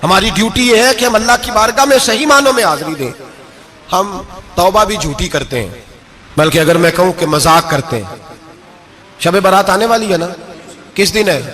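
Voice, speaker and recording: A man preaching a sermon, animated and firing rhetorical questions at his audience. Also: sits high.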